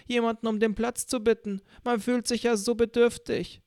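A man's voice: very high-pitched, little pitch movement, normal speed, a little mellow, clear, resonant tone, no room sound, studio quality, voice pushed up. A man voicing a chatty, self-pitying old woman in a read-aloud story, speaking in a whiny, plaintive way.

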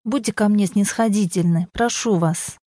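A grey-haired older man who admits to grumbling and now pleads for forgiveness, read by a woman narrator. The voice is mellow and dark, recorded close and dry for an audiobook. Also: medium pitch, normal speed, no room sound, close to an everyday voice. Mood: pleading.

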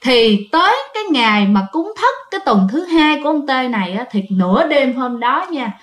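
Storyteller: woman, Southern Vietnamese accent, chatty ghost-story narration, bright high voice, roomy echo. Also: big pitch swings, normal speed. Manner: chatty, addresses listeners directly.

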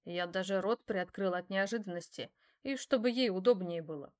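A woman's voice: medium pitch, normal speed, a little mellow. Woman reading a novel aloud. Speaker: audiobook reader. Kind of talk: first-person novel narration.

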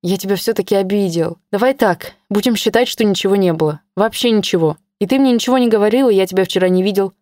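A woman's voice: mid-range voice, fast, few pauses, warm tone, no room sound, close to an everyday voice. A woman voicing a middle-aged male boss who coaxes and insists. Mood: pleading. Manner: coaxing and insistent.

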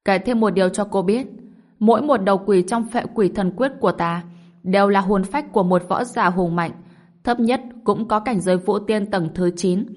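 A woman voicing a smug, arrogant old male demon sorcerer with a hoarse voice in a spoken storybook. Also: mid-range voice, brisk, lightly acted. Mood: gloating menace. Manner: gloating, then cursing in alarm.

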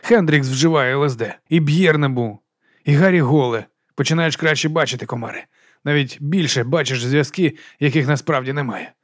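A man voicing a drugged male detective who rambles giddily and shouts at times, as an audiobook character. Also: on the high side, moderate pace, dry recording, clean studio sound, close to an everyday voice. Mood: giddy.

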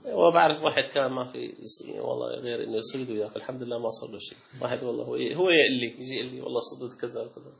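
A sheikh teaches Islamic law in a classroom lecture. His mid-pitched voice has a gravelly edge. He reads lists aloud from a text and slips into quick colloquial asides. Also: a bit bright.

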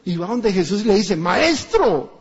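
A man preaching a sermon in a church with a Colombian Spanish accent, animated and acting out the voices of people in his stories. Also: high-pitched, unhurried. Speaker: pastor. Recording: dull echoey church recording.

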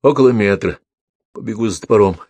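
A man's voice: on the low side, quick pace, darkish tone, no echo, lightly acted. A man voicing a chilled, weak scholar calling up from a pit in a strained voice. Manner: strained, pleading.

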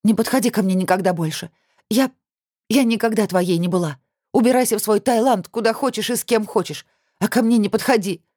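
A reader voicing a frightened, angry young woman who pushes back with raised, sharp outbursts. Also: medium pitch, animated, fairly quick, breathy edge, dry recording, studio quality, voice pushed up. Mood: angry, panicked. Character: frightened, furious young woman fighting off her ex.

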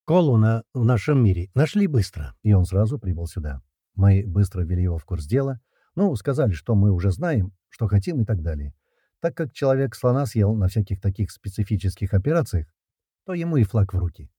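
A man's voice: on the low side, very animated, a little fast, mellow, husky, no room sound, clean studio sound. A man narrating an audiobook in the first person, casual and slangy.

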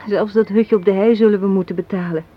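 A young adult actress in a Dutch radio play voices a cynical, hard-minded young woman, arguing and lecturing with rhetorical questions in a bitter, insistent way. Her natural, medium-pitched voice runs fast with fairly even intonation, captured on a dull, noisy old radio recording.

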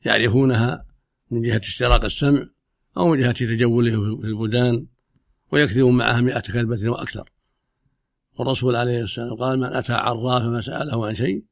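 Stern gravelly male religious scholar, brisk delivery. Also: medium pitch, dry recording, clean studio sound. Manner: stern, emphatic, repeating himself. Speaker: Islamic scholar answering religious questions. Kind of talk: unscripted religious ruling in formal Arabic.

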